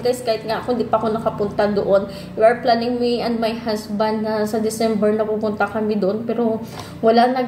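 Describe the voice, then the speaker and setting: Slightly high and a little mellow, this woman from the Philippines talks casually with her viewers, frequently addressing them and slipping into English. She records as a vlogger in an echoey room with faint ambience and a bit of hiss or hum.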